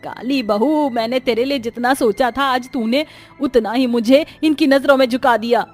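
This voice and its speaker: Lady doing a bossy older mother-in-law in a cartoon, high voice, scolds a lot, soft music under it. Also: normal speed. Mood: furious. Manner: scolding, cursing outbursts. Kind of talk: dubbed cartoon story voice.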